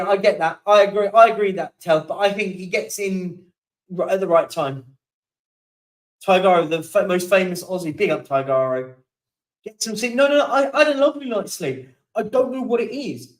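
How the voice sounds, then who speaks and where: Young guy chatting on a live stream, highish voice, sounds a little distant, keeps yawning. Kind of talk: casual live-stream chat reading viewer comments.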